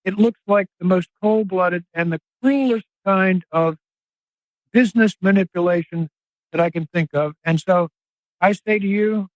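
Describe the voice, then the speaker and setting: An older man speaking as an investigative reporter and guest, in an earnest, emphatic interview monologue with drawn-out phrasing. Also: high voice, no room sound. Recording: dry, slightly dull podcast audio.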